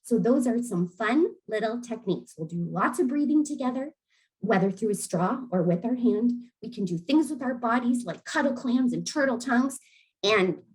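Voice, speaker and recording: A woman who runs an early years program gently demonstrates calming breathing exercises in a friendly, instructional way, encouraging listeners and laughing easily. Her voice is on the high side at a moderate pace, and the recording quality is low.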